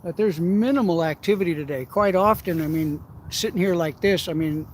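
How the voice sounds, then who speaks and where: A man's voice: high-pitched, fairly quick, a little hiss or hum. A middle-aged man telling rambling, profane stories in a casual way while fishing outdoors. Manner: profane, rambling anecdotes with frequent laughs. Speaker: outdoors vlogger. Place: outdoors by the water.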